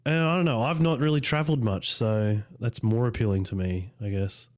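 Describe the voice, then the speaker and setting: An easygoing Australian man at an ordinary middle pitch, chatting with his mates. He hesitates and hedges his answers, with plenty of casual swearing. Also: a little fast, a little mellow. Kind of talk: casual chat between mates.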